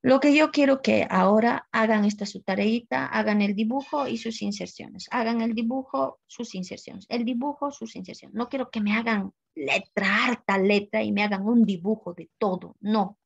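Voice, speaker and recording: A woman's voice: a little high, normal speed, creaky, hardly any pauses, husky. A woman teaching an anatomy class online, repeating her instructions with emphasis over muffled video-call audio. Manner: repetitive, emphatic, drills instructions. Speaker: university anatomy lecturer.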